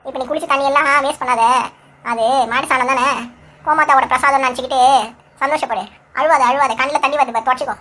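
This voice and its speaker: Woman doing a sharp-tongued mother-in-law type in a cartoon, high-pitched and fast, bossy and sarcastic. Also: fairly even intonation. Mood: mocking. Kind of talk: cartoon voice acting.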